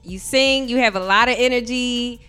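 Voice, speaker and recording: A playful woman hosting a podcast, her voice bright and a little higher than most. She teases her guests and laughs easily. Faint music runs underneath. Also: normal speed. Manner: playful, teasing, laughs often. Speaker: podcast host. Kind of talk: casual interview chat.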